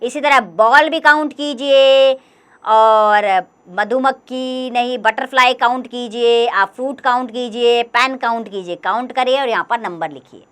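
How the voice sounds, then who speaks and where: A woman's voice: fairly high pitch, measured pace, fairly bright tone, smooth. A young woman teacher patiently explaining a grammar workbook to children, counting aloud and encouraging them.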